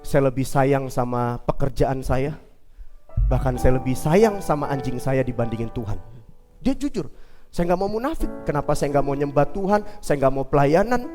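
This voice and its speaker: A man's voice: medium pitch, moderate pace, big-room sound. A male pastor preaching a Sunday sermon in church, telling stories and acting out the people in them, then exhorting the congregation. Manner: animated storyteller, acting out the people he quotes; fervent exhorting over worship music at the close. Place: church service.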